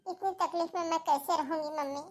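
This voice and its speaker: A woman voicing a grieving young married daughter in an animated family drama, plaintive and complaining about her in-laws. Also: very high-pitched, brisk.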